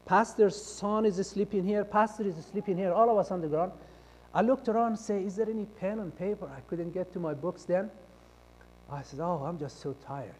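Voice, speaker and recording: Casting: man from Iran, high voice, telling his testimony, acting out the dialogue, loud one moment and hushed the next. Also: a little hiss or hum. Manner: acts out quoted dialogue, shifting between loud and hushed. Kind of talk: personal testimony storytelling. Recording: long reverb of a large hall.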